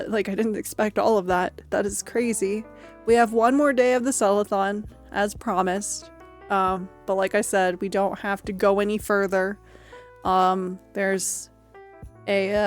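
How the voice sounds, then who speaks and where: A young woman streamer chatting casually with her viewers, giggly and rambling, often repeating herself. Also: mid-range voice.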